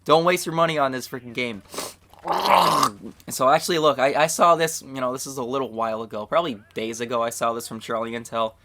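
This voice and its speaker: Hoarse man ranting about a video game. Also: mid-range voice, steady tone, quick pace, background noise. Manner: blunt, fired-up, laughs at his own voice cracks. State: losing his voice, cracking. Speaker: gaming commentary host. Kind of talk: ranting gaming commentary.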